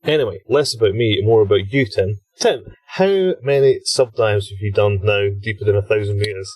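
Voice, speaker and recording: A British man talks in a chatty, enthusiastic way, laughing easily as he records a log from inside a cramped titanium submersible. His voice sits fairly low and sounds dry and close, with little room sound around it. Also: expressive, normal speed, a little mellow, dry recording. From Britain. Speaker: expedition scientist and podcast host. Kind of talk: casual chat recorded as an audio log. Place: inside a small deep-sea submersible sphere.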